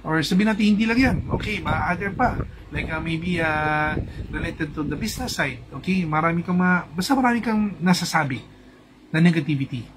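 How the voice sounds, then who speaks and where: A man's voice: fairly high pitch, brisk, noisy background. A man with a Filipino accent, a feng shui coach giving a casual live talk to an audience, chatty and often asking "di ba?". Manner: chatty, mixes in English, asks "di ba?" often.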